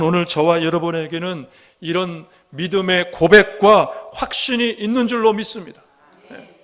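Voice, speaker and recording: A male pastor with a high voice delivers an earnest Sunday sermon. He poses rhetorical questions to the congregation and slows down when he reads scripture. His voice rings with the long reverb of a church sanctuary. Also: fairly bright tone.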